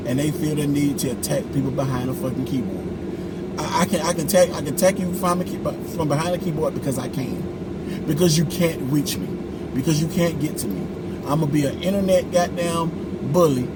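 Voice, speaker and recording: A man in his forties ranting casually in a car, animated, profane and emphatic. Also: a little high, fairly quick. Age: 40s. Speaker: vlog co-host. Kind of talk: casual rant. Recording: loud car and road noise.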